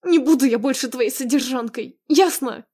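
A woman reading an audiobook, voicing a tearful, bitter young woman who speaks in a sharp, raised voice. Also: high voice, moderate pace, pitched above the performer's own voice, lightly acted. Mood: tearful anger.

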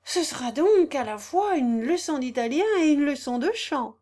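A woman's voice: fairly high pitch, expressive, a little slow, a little mellow. A woman reading the part of a shy, eager young male musician, speaking with ardent emotion. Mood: delighted.

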